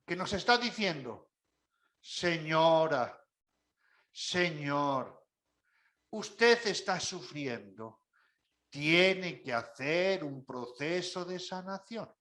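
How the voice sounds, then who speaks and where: Male preacher w a very animated voice, slow paced, acts out little voices, emphatic. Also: on the high side. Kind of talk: spoken reflection on grief.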